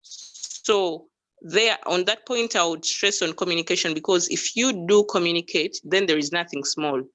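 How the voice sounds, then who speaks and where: A woman's voice: lowish voice, moderate pace, fairly bright tone, rough recording. Woman on a choppy breaking-up call line. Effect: choppy, breaking-up network line. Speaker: panelist on a call-in discussion. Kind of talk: casual discussion over a call.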